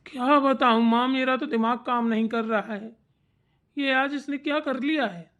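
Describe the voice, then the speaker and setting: A woman's voice: sits high, moderate pace, a bit bright. A woman voicing an exasperated husband and son in a cartoon comedy, blunt and impatient. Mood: confused.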